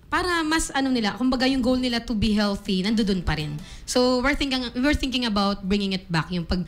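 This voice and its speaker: A woman's voice: a little high, lively intonation, brisk. A woman with a Filipino accent, a clinic owner guesting on a radio show, chatty and prone to joking asides. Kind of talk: casual radio interview.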